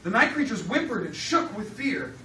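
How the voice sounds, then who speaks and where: A woman of medium pitch speaks in a bright, forceful, sing-song way at normal speed, dramatically storytelling live to children at a puppet show and giving them short lines to repeat. The audio is roomy and noisy from a distant mic.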